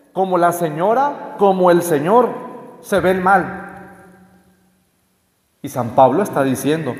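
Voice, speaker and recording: A man, a priest, giving a conversational homily and asking his listeners rhetorical questions. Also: high voice. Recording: echoey hall reverb.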